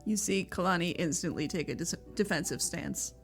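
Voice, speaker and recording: A woman playing a tabletop game, joking and reacting quickly. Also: lowish voice, lively intonation, faint music behind. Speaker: player. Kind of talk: casual tabletop game play.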